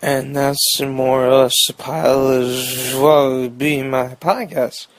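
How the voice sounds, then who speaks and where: Slow-talking young man joking through news. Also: mid-range voice, little pitch movement, dry recording. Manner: rambling, jokey, fond of puns. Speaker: podcast host. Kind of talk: improvised comic news monologue.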